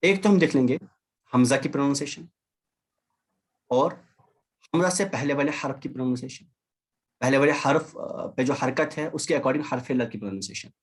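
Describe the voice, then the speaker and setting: A man's voice: mid-range voice, pauses often, husky. A man teaching an online language class over a video call, patiently repeating and drilling examples. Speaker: Arabic teacher.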